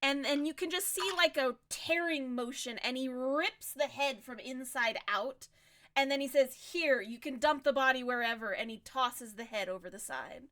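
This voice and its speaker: Woman game master, bright and high, relaxed narration with easy laughs. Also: moderate pace.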